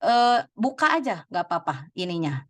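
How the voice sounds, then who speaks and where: A woman's voice: lowish voice, very animated, moderate pace, no echo. A woman presenting a webinar on public speaking, speaking over a video call. Her talk is chatty and encouraging, with frequent laughs and direct questions to the audience. The sound is close and dry, with no room around it. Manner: chatty, laughs often, calls on participants by name. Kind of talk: lively teaching talk to teachers.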